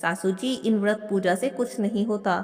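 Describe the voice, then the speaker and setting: A woman's voice: mid-range voice, normal speed, natural voice. A woman voicing a proud, dismissive young daughter-in-law who scorns worship in a devotional story. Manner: dismissive, defiant. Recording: long hall reverb.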